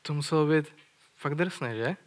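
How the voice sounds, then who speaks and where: A man preaching a sermon in an earnest way, retelling a scripture story and putting questions to his listeners. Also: on the high side.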